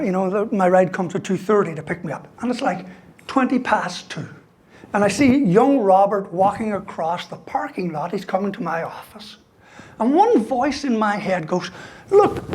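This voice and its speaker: A man's voice: high voice, husky. A man giving a humorous motivational talk as a university lecturer, asking "right?" after most points. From Ireland. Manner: joking, ends lines with "right?".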